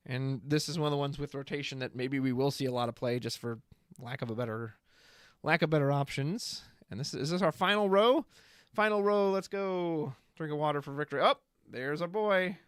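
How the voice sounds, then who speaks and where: A man's voice: mid-range voice, no echo, clean studio sound. A man streaming live, casually thinking aloud as he reads card text and chat comments. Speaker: streamer reviewing trading card spoilers.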